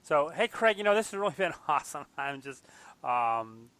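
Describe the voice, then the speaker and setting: Bright-voiced, upbeat podcast host man. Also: a little high, big pitch swings, moderate pace, clean tone. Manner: laughs often, upbeat, many restarts. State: losing his voice. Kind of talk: casual interview chat.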